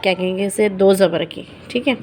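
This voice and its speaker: A woman teaching Quran recitation rules in a patient lesson. She repeats each example word slowly and checks in her learners often. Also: medium pitch, a little mellow, a little hiss or hum.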